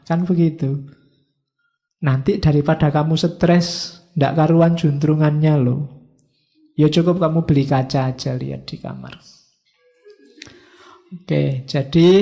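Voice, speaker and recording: A man's voice: fairly high pitch, creaky, mellow. A middle-aged man with a Javanese accent, giving a casual philosophy lecture to students in a chatty, teasing way. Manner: chatty, teasing, drifts into slang.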